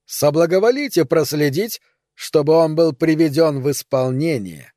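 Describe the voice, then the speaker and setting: A man voicing a cruel, mocking male witch-hunter in an audiobook, speaking slowly with a sneer. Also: animated, no echo, studio quality, natural voice. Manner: slow, sneering, shrill when shouting. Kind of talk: audiobook character reading.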